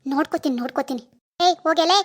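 Loyal cartoon wife, firm and scolding, voiced by a woman, very fast. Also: very high-pitched, fairly even intonation, no room sound, clean studio sound. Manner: scolding, then firm and reassuring. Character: fierce, loyal young wife. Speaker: narrator who greets viewers. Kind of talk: cartoon voice acting.

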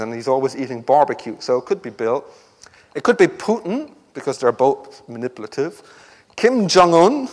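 A man's voice: mid-range voice, long reverb tail. A man giving an academic conference talk with a wry, joking delivery. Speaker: conference speaker. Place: lecture hall.

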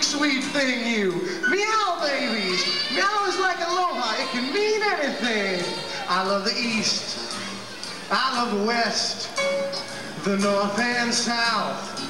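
Echoing over an outdoor stage PA with music behind, a hip cool-cat storyteller. The voice is high and swoops widely, teasing and drawing out words like a showy beat poet. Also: male voice, very animated, slow pace, exaggerated voice. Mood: showy, flirtatious. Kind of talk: theatrical rhyming stage-show narration. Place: outdoor lakeside amphitheatre water-ski show.

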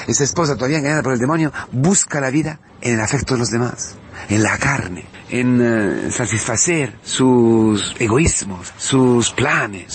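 A man's voice: fairly low pitch, a little hiss or hum. Impassioned preaching man. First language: Italian. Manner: impassioned preaching with sudden swings between loud and hushed; repeats words and phrases for emphasis. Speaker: priest. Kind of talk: sermon.

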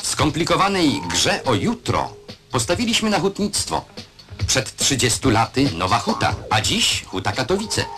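A man narrating an old newsreel in the classic voice-over manner, proud and declamatory. His pitch swings widely through each sentence and he tosses in rhetorical questions. Music plays under the archival soundtrack throughout. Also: wildly swooping pitch, normal speed.

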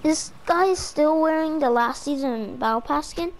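A woman's voice: high-pitched, moderate pace, noisy background. A woman hosting a gaming video, chatting in a laid-back, offhand way during play. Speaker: gamer, video host. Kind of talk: casual gameplay chat.

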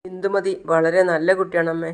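Give me a man playing a pleading young son from a TV serial, apologetic and slightly high. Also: flat delivery, a little fast, close to an everyday voice.

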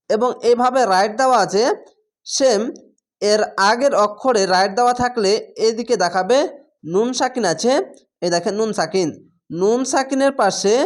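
Patient male Quran reading teacher. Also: high voice. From Bangladesh. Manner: patient, spells each letter and vowel before blending the word; drawn-out chanting on Arabic words. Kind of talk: slow spelled-out Quran reading lesson.

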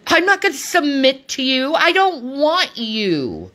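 Woman, 40s, high lively voice, blunt and exasperated, phone livestream at home. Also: unhurried. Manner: blunt, exasperated, swears freely. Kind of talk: casual livestream chat. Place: small dim room at home, indoors. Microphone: phone held at arm's length.

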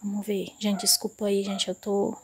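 A woman, chatting excitedly as she unboxes something in a casual home vlog on her phone, often dropping to a murmur. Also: mid-range voice, moderate pace, slight background noise. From Northeast Brazil. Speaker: vlogger. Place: indoors, on a bed at home. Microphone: phone camera.

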